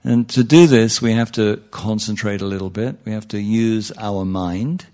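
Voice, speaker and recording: A meditation teacher with a lowish, slightly mellow voice speaks at a moderate pace. His talk to the group is informal, spiritual and full of jokes, with regular check-ins like "yeah?" and "you know."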